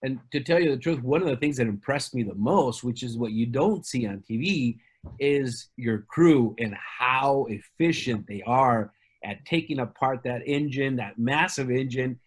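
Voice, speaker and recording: A man's voice: medium pitch, moderate pace, breathy edge. A man from Argentina, a company representative, talking casually in an interview with many fillers and restarts.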